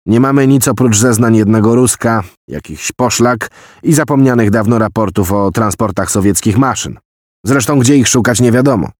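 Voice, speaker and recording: A man's voice: mid-range voice, normal speed, a little mellow, no room sound, studio quality, natural voice. A man voicing an agitated American general who heads an intelligence office, given to long declamatory tirades. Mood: irritated. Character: blustering American general, spy chief.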